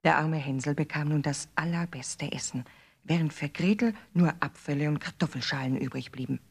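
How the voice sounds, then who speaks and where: A woman narrating a fairy tale in a measured, expressive storybook reading. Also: sits low, husky.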